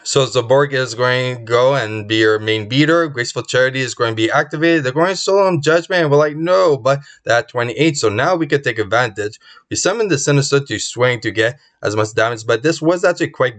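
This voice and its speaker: A man hosting his channel, giving upbeat play-by-play commentary on a card game match, quick to call each move nice or not bad, while losing his voice. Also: medium pitch, a bit bright. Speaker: channel host.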